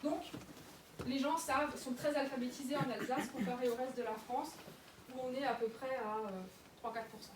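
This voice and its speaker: A woman's voice: sits high, steady tone, normal speed. A young woman giving a public lecture in a museum, talking with many fillers and restarts. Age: young adult. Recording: echoey room, mic far off, noisy.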